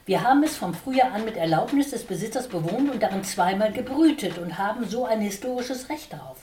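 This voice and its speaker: A woman reading as a stiff, well-mannered male starling, formal and measured, fighting to keep calm, his pitch ranging widely. The voice sounds distant in a reverberant room. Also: a little hiss or hum, natural voice. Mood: polite. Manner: formal, courteous, straining to stay calm. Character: polite but irritable male starling, house owner. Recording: roomy, distant mic.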